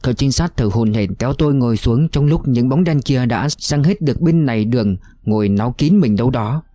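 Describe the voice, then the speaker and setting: A man narrating a war novel in a somber, steady reading voice. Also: mid-range voice, fairly quick, dry recording. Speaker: audiobook narrator.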